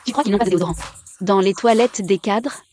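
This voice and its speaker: A woman's voice: mid-range voice, quick pace, darkish tone, slight background noise, natural voice. A woman dubbing a scheming young heiress who makes wry, sardonic asides. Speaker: heiress posing as a junior real estate agent. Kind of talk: French dub of a short drama.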